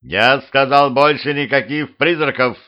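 A man's voice: medium pitch, measured pace, sharp tone, pitched above the performer's own voice. A man voicing a grumpy, jittery male graveyard watchman who grumbles and panics. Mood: stern.

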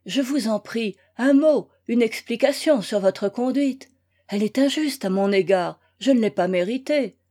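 A woman's voice: a little high, measured pace, warm tone. A woman reading a novel aloud and voicing a young widow who begs her former love to hear her out, imploring and emotional. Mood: pleading. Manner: imploring, breathless emotional pleas. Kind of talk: read-aloud novel, acted dialogue.

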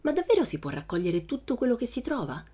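A woman's voice: fairly high pitch, sing-song, quick pace, warm tone, slightly rough, voice pushed up. A woman reading a storybook, voicing a shy, cautious little girl who speaks earnestly. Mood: worried. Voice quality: timid, earnest. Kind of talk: audiobook character voice.

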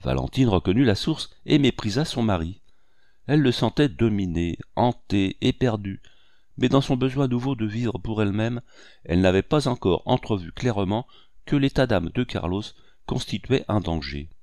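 A man giving a measured, even literary audiobook narration. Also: on the low side, dry recording, clean studio sound.

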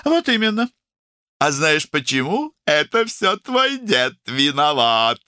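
A forceful middle-aged woman doctor, as a male reader puts her on in a storybook reading, pitched high above his own low voice and swinging widely. She scolds and teases with bright, emphatic energy, recorded dry and close. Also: big pitch swings, slow pace, smooth, no room sound, full character voice.

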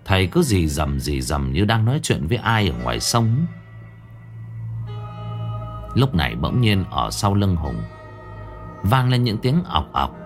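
A man narrating a ghost story in a dramatic, expressive way. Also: sits low, unhurried, pauses often. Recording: faint background music under narration.

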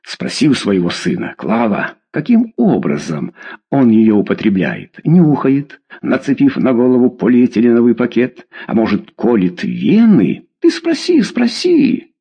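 A man voicing an enraged middle-aged father who hurls pompous threats at his son, with a husky, lively voice. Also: medium pitch, measured pace, exaggerated voice. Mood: indignant.

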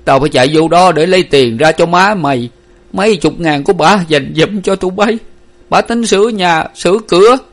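A man's voice: sits high, normal speed, pitched above the performer's own voice. A man playing a grief-stricken older father in a storybook reading, choked and lamenting. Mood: frantic lament.

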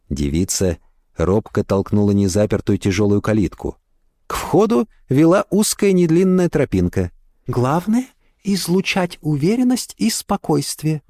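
A man narrating an audiobook in an expressive, animated reading style. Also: medium pitch, dry recording, studio quality.

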